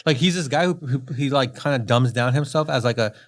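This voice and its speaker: A man's voice: medium pitch, a little fast. A man chatting casually as a podcast guest, rambling and laughing often, trailing off mid-sentence. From USA.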